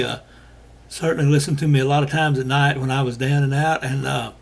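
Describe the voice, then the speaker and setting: An older man from Alabama hosts a casual monologue for his viewers while losing his voice, which is hoarse, gravelly, husky, and strained, and keeps slipping into fry. His mid-range voice comes out haltingly, with many pauses, fillers, and restarts.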